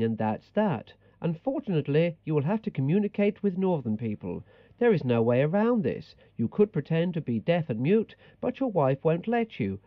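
A man's voice: on the high side, no room sound, lo-fi sound. A man playing a bossy, exasperated language-tape instructor in scripted comedy narration.

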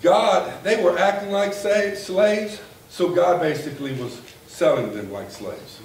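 A man in his forties preaching a sermon from a pulpit in a folksy, animated way that builds to a shout. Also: high voice, measured pace. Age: 40s. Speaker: pastor. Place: church sanctuary, at a pulpit. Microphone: far camera at the back of the room. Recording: echoey church from far off, faint hiss.

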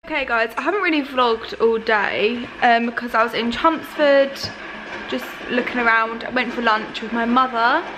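A woman's voice: a little high, moderate pace, noisy background. A young woman chatting casually to camera in a vlog, rambling with lots of fillers. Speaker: vlogger.

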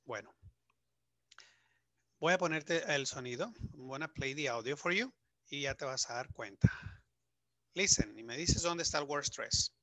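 Bright-voiced male English teacher. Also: mid-range voice, unhurried, pauses often, no room sound. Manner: lively, stretches words and asks the viewer questions. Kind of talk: video lesson for Spanish speakers.

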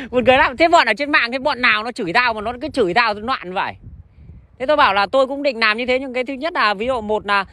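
A man's voice: very high-pitched, fast, bright, forceful tone. A man giving blunt, casual commentary on a walk through an outdoor plant nursery, swearing and joking as he talks. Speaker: vlogger touring a fruit tree nursery.

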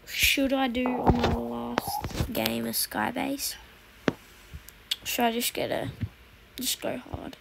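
A woman streams a shooter game and chats to her viewers in a gravelly, fry-heavy voice that sits fairly high. She talks slowly and excitably and repeats lines when something surprises her. Noticeable noise sits under the recording. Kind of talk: casual gameplay commentary.

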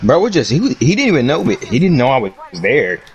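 A man's voice: medium pitch, very animated, fast, breathy edge. A young man gaming with a friend, talking bluntly and complaining in casual slang. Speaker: gamer. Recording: faint background noise.

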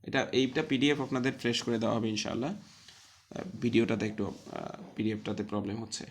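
Male tajweed teacher for an online class; patient, spells letters aloud and recites words slowly. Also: mid-range voice. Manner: explains step by step, asks and answers his own questions.

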